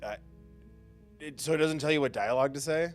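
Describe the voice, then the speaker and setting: A man's voice: a little high, fairly quick. A man livestreaming a game with casual commentary and joking, theatrical asides. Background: faint game music.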